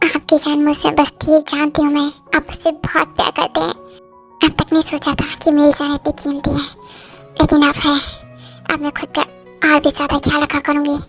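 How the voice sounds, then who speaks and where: A woman's voice: very high voice, expressive, fast talker, a bit bright, soft background music. A woman voicing a proud young mafia queen. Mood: tender. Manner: insistent, pleading then tender. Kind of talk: Hindi fan dub acting.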